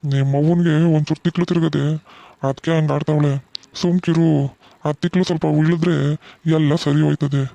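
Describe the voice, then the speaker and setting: A man voicing a gentle middle-aged village father in a cartoon, soothing and reassuring his daughter. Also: a little high, steady tone, moderate pace, gravelly, long pauses, dry recording. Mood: comforting. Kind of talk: cartoon voice acting.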